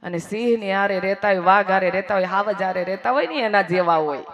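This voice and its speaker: A woman from Gujarat giving a devotional sermon to a large audience, lively, teasing the crowd and leading chants. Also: mid-range voice, fast. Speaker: religious storyteller.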